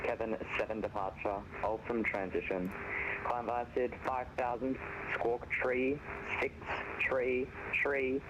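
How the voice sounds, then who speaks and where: A man's voice: medium pitch, flat delivery, slow. A man working as an air traffic controller, giving clipped procedural instructions over radio. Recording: noisy, muffled aviation radio channel.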